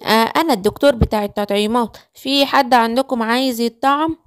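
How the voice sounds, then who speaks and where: A woman with an Egyptian Arabic accent voicing an insistent male vaccination doctor in a children's cartoon story, in a lowered, businesslike voice. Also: quick pace, smooth, lightly acted.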